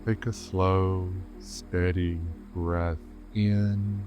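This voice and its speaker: A man leads a calm grounding meditation as a guide, speaking gently and unhurriedly with measured pauses. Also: deep voice, highs cut off. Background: rainforest sounds with insects, soft music.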